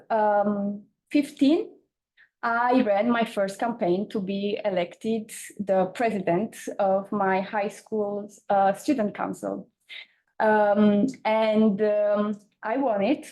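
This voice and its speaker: A young woman from Romania with an Eastern European accent, giving an informal conference talk with frequent hesitant pauses. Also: medium pitch, fairly even intonation, mellow, low-quality recording. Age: young adult. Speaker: campaigner, panel speaker.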